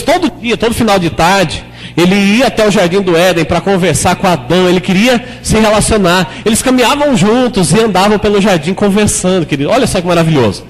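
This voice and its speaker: High-voiced pastor preaching in a reverberant church. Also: male voice. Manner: conversational, often asks the congregation questions; acts out prayers in a lower, softer voice. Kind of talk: sermon. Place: church hall.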